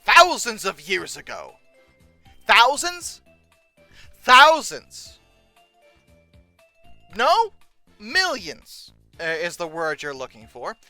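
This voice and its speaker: A sarcastic, exasperated host of a paleontology commentary show reads material aloud and critiques it with comedic mock outrage. Her medium-pitched voice swoops wildly, pushed and bright, delivered extremely slowly with frequent pauses. The recording has no room sound, with faint music behind.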